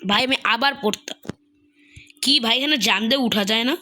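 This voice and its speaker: A woman giving excited gameplay commentary as a gaming YouTuber, repeating words in rapid bursts, with a slightly sore throat. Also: on the high side, a little hiss or hum.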